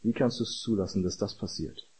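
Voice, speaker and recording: A man's voice: lowish voice, a little fast, darkish tone, breathy edge. A man preaching a sermon in an earnest way, building to emphatic repeated calls.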